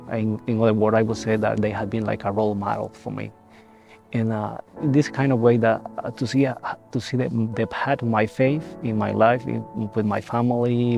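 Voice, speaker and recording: A young man speaks in a low, mellow voice with a gravelly edge. He talks haltingly, repeating words and restarting phrases as he reflects. Soft music plays faintly behind him. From El Salvador. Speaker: seminarian. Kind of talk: reflective personal testimony.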